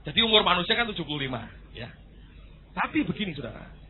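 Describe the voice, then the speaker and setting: A man's voice: sits high, fast, slight background noise. A man, preaching a playful storytelling sermon to his congregation. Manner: animated, playful, addresses the congregation. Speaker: pastor. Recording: tinny phone-like sound.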